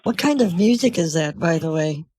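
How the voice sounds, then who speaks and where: A man's voice: a little high, animated, normal speed, a little mellow, soft background music, pitched above the performer's own voice, close to an everyday voice. A man voicing a fussy, easily confused elderly woman who talks in a doddering, querulous way.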